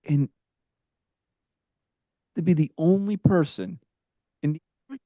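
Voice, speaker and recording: A man's voice: on the high side, slow, dry recording. A man co-hosting a sports talk show over a video call, his microphone cutting in and out so his volume is uneven. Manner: blunt, swears, gets loud when worked up. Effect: mic cutting out, uneven volume. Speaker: sports podcast co-host. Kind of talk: heated casual chat. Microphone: video call camera mic.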